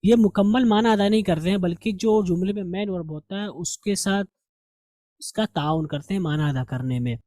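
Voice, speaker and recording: Male teacher, warm and dry, patiently walks through grammar rules in a recorded lesson. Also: sits high, moderate pace, dry recording. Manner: explains step by step, asks and answers his own questions.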